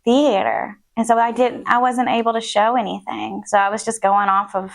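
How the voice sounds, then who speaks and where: A woman's voice: a little high, level tone, normal speed, creaky. A young woman being interviewed about her chemistry job in a casual, chatty way, full of ums and likes. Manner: chatty, many ums and likes, laughs often. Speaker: interviewee, water quality chemist.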